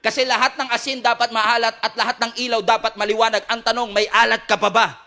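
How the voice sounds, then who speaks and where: A man's voice: extremely high pitch, flat delivery, fast, bright, forceful tone. A man with a Filipino accent preaching a sermon as pastor, hammering repeated refrains, firing questions at the congregation and joking with them. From Philippines. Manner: playful, jokes with the crowd.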